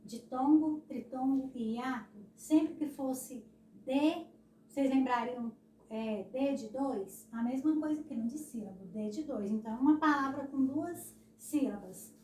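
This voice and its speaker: A Brazilian woman teacher giving a lesson, drawing out syllables slowly and often tagging a questioning "né?". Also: high-pitched, dark tone, slight background noise. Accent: Brazilian Portuguese. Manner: slow, syllable-stressing explanations with frequent "né?". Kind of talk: recorded classroom lesson. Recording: echoey room, voice from a distance.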